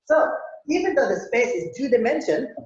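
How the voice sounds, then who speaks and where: A man's voice: extremely high pitch, big pitch swings, normal speed, a little mellow. Man lecturing in an echoey hall. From Thailand. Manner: rambling, repeats words, checks in with "right?" and "yeah?". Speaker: university lecturer. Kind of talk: classroom lecture. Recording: very echoey hall, dull lo-fi sound.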